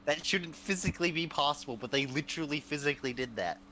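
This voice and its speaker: A man's voice: a little high, quick pace, crowd noise, poor audio. A man hosting a live stream, chatting casually and telling rambling anecdotes full of fillers, often breaking into laughter. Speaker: streamer host.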